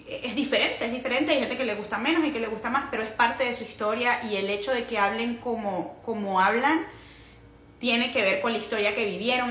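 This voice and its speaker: A woman's voice: mid-range voice, fairly bright tone. A young Venezuelan woman with a Venezuelan accent talking casually in a vlog, chatty and rambling, often correcting herself mid-sentence. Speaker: missionary vlogger. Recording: roomy echo, faint noise.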